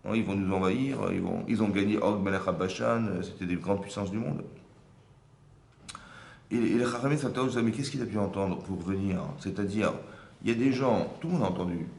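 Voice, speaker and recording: In a fairly low, slightly mellow voice with vocal fry, a man teaches an interactive religious class to a small group at a fairly quick pace. He asks questions, checks in with his listeners and often repeats words while searching for phrasing. The room sounds roomy, with faint background ambience.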